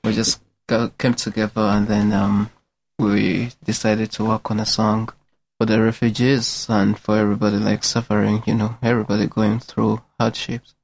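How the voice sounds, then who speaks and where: Low, flat-voiced Ugandan man. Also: normal speed, creaky. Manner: hesitant, many fillers. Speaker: musician guest.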